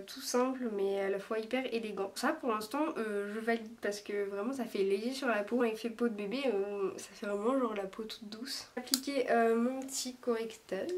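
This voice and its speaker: A woman reviewing makeup in a casual, chatty way, hesitating often as she talks. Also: a little high. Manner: chatty, hesitant, lots of small pauses. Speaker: beauty vlogger. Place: room lit by daylight. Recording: voice a bit far from the mic.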